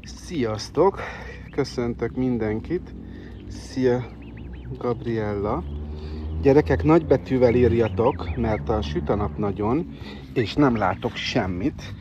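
A man live streaming by phone from an outdoor bird park, chatting to viewers and coaxing birds with excited squeals. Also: medium pitch. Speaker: livestreaming animal keeper. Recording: dull phone audio with faint noise.

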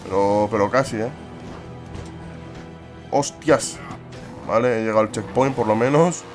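Excitable young gamer. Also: male voice, fairly low pitch, a little slow, faint music behind. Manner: excitable, swears and exclaims often. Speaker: gaming YouTuber. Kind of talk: let's play commentary.

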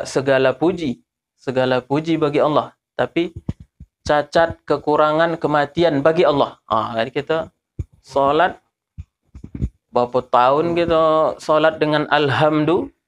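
A man teaches the proper sounds of recitation. His voice sits slightly high, and he moves at an unhurried pace, stretching out and repeating syllables to show where each letter is formed. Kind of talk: teaching Quran pronunciation.

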